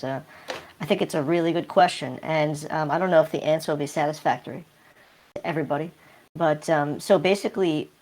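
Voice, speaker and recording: A man speaking through a voice changer that pitches his voice deep, answering interview questions casually and hesitantly with many fillers. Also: vocal fry. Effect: voice changer, pitch shifted deep. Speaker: project developer guest.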